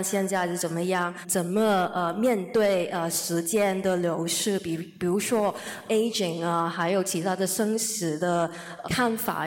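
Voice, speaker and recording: A woman moderating a public talk, asking questions hesitantly with frequent pauses and filler sounds. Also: lowish voice. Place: university lecture hall. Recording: long reverb of a large hall.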